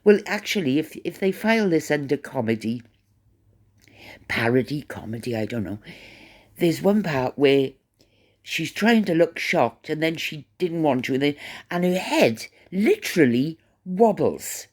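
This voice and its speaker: Speaking at a medium pitch in a sing-song, slightly slow manner, this Welsh vlogger rambles through gossip for the camera. The channel host's talk is chatty and halting, with words repeated while thinking out loud.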